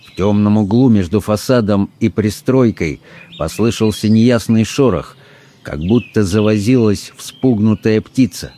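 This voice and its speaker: A man narrating an audiobook in a measured, unhurried reading. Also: on the low side, warm tone. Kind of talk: scripted narration.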